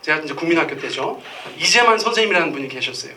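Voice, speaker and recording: Bright high-voiced man preaching. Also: lively intonation, racing, recorded from a distance, a little hiss or hum. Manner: storytelling, acts out quoted voices. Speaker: pastor. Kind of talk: Sunday sermon. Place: church sanctuary.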